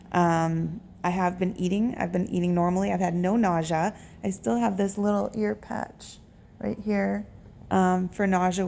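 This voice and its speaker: A woman gives a casual update to camera in a lowish, mellow voice with plenty of vocal fry. She speaks haltingly, often pausing to find the next word. Faint room noise sits behind her. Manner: halting, pauses to search for words. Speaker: patient recording a recovery vlog.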